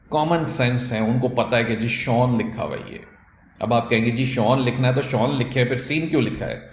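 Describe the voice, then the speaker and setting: Pakistani guy teaching online sellers, mid pitch, roomy echo, faint hum behind, drops english words in. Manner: mixes English phrases into explanations; demonstrates pronunciation by example. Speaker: ecommerce trainer. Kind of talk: instructional talk.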